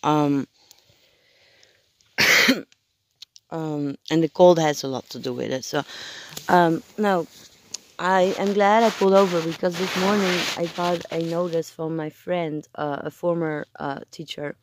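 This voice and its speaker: Sick and hoarse, an adult vlogger does a casual video check-in, speaking haltingly and hesitantly as they search for words. The voice is mid-range and steady in tone, with a little hiss or hum behind it.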